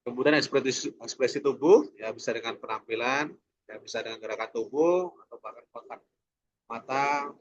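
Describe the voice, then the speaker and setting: A man's voice: mid-range voice, moderate pace, dull audio. A man teaching a preacher training class online, asking rhetorical questions and tagging his sentences with "ya". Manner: rhetorical questions, frequent "ya" tags.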